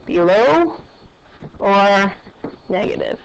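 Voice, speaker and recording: A woman's voice: mid-range voice, very animated, very slow, vocal fry, background noise. A woman math teacher lecturing a class and quizzing her students with questions as she goes. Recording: dull, lo-fi classroom recording.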